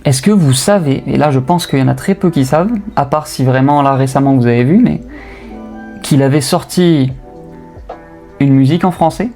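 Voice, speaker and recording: A man's voice: medium pitch, normal speed, dark tone. A young man hosting a car channel, talking in casual, joking, slang-filled voice-over with hesitations. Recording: faint music bed behind voice. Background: faint lofi music.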